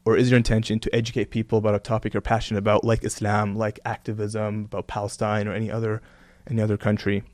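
A religious content creator raised in Kuwait and Canada joins a casual interview as a guest. His voice is lowish, darkish and monotone, moving at a quick pace with no room sound. Earnest and reflective, he uses "you know" a great deal.

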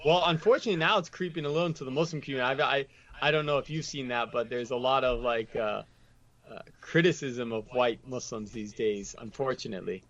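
A mid-range male voice with a fairly bright tone moves at a quick pace. The speaker is from the United States, a guest reflecting casually in an interview, rambling with lots of "you know" and "like." The recording comes across dull, lo-fi and dry.

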